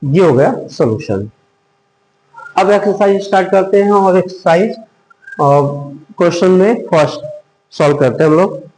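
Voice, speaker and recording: A man's voice: high voice, expressive, darkish tone, echoey room, low-quality recording. A man teaching a math lesson step by step, asking himself questions as he works through each problem. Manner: slow, step-by-step explaining with rhetorical questions.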